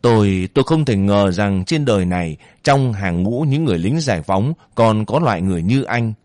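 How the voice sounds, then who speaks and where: A man's voice: lowish voice, lively intonation, moderate pace, darkish tone, no room sound, clean studio sound, lightly acted. A man reading a story voices a young male soldier defending his honor in a solemn, earnest way. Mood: disgusted.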